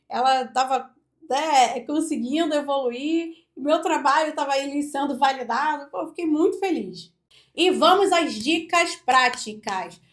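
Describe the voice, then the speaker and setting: A woman with a Brazilian accent, a speech therapist, teaching voice and posture in an instructional video with live demonstrations, explaining step by step. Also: sits high. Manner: demonstrative, explains step by step, often says "look". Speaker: speech therapist and public speaking coach.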